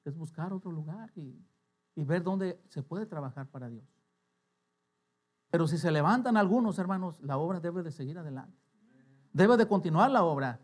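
A man's voice: on the high side, lively intonation, normal speed, pauses often, a little mellow, breathy edge. A man preaching a sermon in church, telling stories with quoted voices and rising to emphatic preaching. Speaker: pastor.

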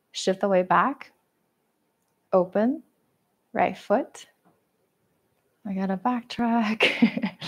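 Woman coaching a tai chi class, gravelly. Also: medium pitch. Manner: gentle guiding cues with frequent "right?" and "okay?", self-deprecating laughs. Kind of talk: live class instruction. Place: living room at home. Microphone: webcam and room mic while moving around.

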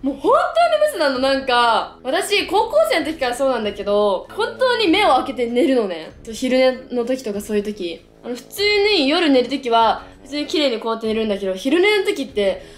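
A young woman in her twenties, a vlogger chatting casually to camera, slangy and lively with playful exaggeration. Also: high-pitched, brisk, few pauses. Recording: echoey room with faint music. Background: faint background music.

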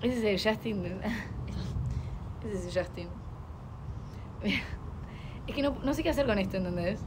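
A woman's voice: mid-range voice, lively intonation, slow. Chatty young Argentine woman streaming. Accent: Rioplatense Spanish. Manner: chatty, playful, talks to her dog and chat. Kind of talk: casual live-stream chat. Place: home. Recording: noisy home stream audio.

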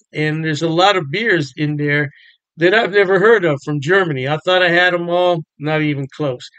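An older American beer vlogger chats to the camera from his home bar room, talking about beer in a folksy, enthusiastic way. His voice is a little high, a bit bright, and smooth, with no echo on a low-quality recording.

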